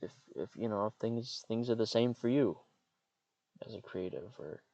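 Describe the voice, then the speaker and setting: A young adult man hosting a solo podcast from a parked car, rambling and hesitant with many fillers, speaking in a monotone. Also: lowish voice, normal speed, no echo, muffled recording. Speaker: podcast host. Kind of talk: casual solo podcast monologue. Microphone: computer mic.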